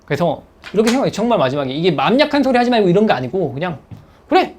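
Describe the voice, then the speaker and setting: Male instructor with a husky voice and a very lively delivery, frequently checks in with students. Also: high voice, racing. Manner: animated, checks in with listeners, acts out students' thoughts. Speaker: exam prep instructor. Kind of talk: lecture.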